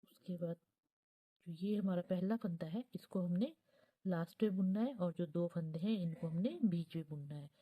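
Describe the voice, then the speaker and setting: A woman giving a patient step-by-step knitting tutorial, counting stitches aloud and often dropping to a soft near-whisper. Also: lowish voice, normal speed, narrow, tinny audio. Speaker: knitting teacher.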